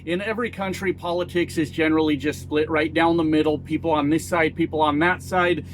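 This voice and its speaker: Over soft background music, a somewhat high male voice speaks briskly with fairly even intonation. He is a middle-aged American YouTuber delivering blunt, folksy, self-deprecating political talk full of casual swearing.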